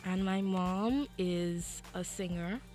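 Young Bahamian woman, low-voiced, earnest. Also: slow pace, a little mellow. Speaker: guest singer. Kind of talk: interview answers. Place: radio studio.

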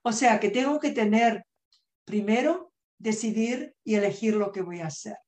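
On a podcast interview, a female guest who works as a self-management coach speaks in an earnest, measured way with a mid-range, slightly mellow voice. She acts out her own inner dialogue and slips English words into her Spanish.

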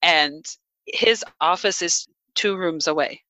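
A woman in her thirties tells a personal story in an animated, chatty way, full of fillers and quick laughs. Her voice sits a bit low but sounds bright and forceful, recorded dry and close. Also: no echo, low-quality recording. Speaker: guest telling a personal story. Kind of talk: casual storytelling.

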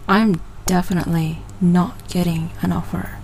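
This podcast host, a Malaysian woman in her twenties, keeps things casual but often hesitates and restarts her phrases. Her voice is on the low side and darkish, with fairly even intonation and a moderate pace, in a low-quality recording with slight background noise.

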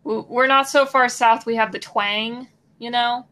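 A young Midwestern woman co-hosts a casual podcast, answering bluntly with a dry, sarcastic edge. Her voice sits slightly high. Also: steady tone, unhurried, fairly bright tone. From Missouri. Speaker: podcast co-host. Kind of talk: casual chat.

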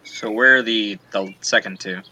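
A man with a fairly low voice plays a tabletop game, talking casually and slipping lightly into role-play. Noticeable noise runs through the recording. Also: moderate pace. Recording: noisy home voice recording.

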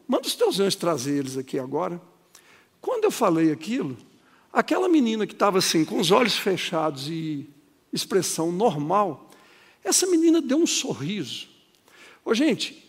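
A man's voice: high voice, breathy edge. A man, preaching a sermon and telling a story in a dramatic, swooping way, heard in a long reverberant hall. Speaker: pastor.

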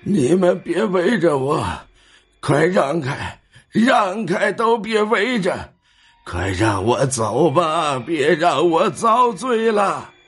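A man voicing a dying old grandfather who pleads slowly and faintly. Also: fairly high pitch, sing-song, breathy edge, heavily acted. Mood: weak pleading. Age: older.

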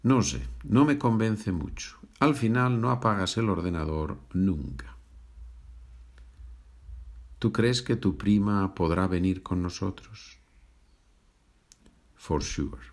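A low, gravelly male voice with a husky edge takes a podcast lesson from his home. He speaks slowly and repeats each phrase before switching to English to explain it. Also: lively intonation. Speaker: language teacher.

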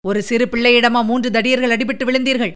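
A woman reading the part of a stern older male fort commander, speaking with command and a slightly lowered voice. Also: fairly even intonation, fast, close to an everyday voice.

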